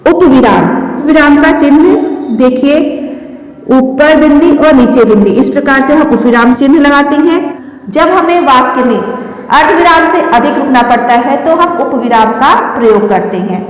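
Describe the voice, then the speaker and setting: A woman teacher giving a slow, explanatory grammar lesson and repeating the key terms. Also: high-pitched, animated. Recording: echoey room with long reverb.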